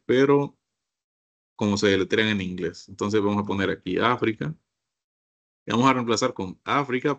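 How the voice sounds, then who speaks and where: Low-voiced man teaching software step by step. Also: dull audio. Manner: step-by-step, keeps calling the class to look. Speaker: computer course instructor. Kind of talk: screen-share software lesson.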